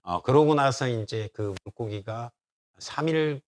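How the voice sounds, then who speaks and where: A man's voice: medium pitch, unhurried. A man preaching as a church pastor, retelling a story in a conversational way and acting out the quoted voices. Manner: conversational with fillers. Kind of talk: sermon.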